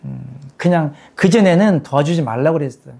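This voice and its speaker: A male pastor preaching a sermon in a blunt, scolding way with rough slang and jokes, leading his congregation in call-and-response. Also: on the high side, brisk, a little mellow. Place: church service with a congregation.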